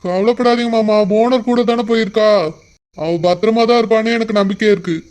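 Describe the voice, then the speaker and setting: Guy doing a young cartoon husband, high voice, calm and explaining. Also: fairly quick, clear, resonant tone, close to an everyday voice. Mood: reassuring. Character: young husband, calm and reassuring son-in-law.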